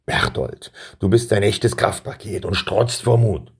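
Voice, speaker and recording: A man's voice: lowish voice, fairly even intonation, slightly rough, heavily acted. A man voicing an old king who halts and hems through his ceremonious speeches to his two sons. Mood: solemn. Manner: halting, ceremonious speeches full of pauses.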